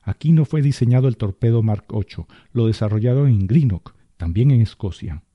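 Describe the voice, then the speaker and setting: A man's voice: on the low side, animated, moderate pace, dry recording, lo-fi sound. A man voicing a firm, insistent military major. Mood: urgent. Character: stern male military major.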